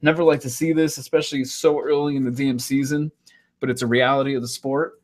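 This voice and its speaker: A man hosting a casual sports podcast, asking relaxed, rambling questions about the week's games. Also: medium pitch, a little fast. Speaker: sports talk host.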